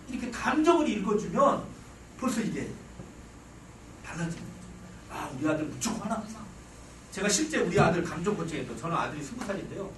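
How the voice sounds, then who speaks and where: Male lecturer, forties, high animated voice, acts out dialogue, distant mic in an echoey hall. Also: a little hiss or hum. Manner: animated, acts out family dialogue, jokes with the audience. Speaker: parenting lecturer. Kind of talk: lively lecture to an audience.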